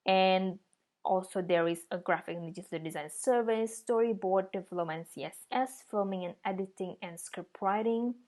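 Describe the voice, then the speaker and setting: A woman's voice: mid-range voice, moderate pace, darkish tone. A woman giving an explanatory presentation of a design project, walking listeners through it step by step.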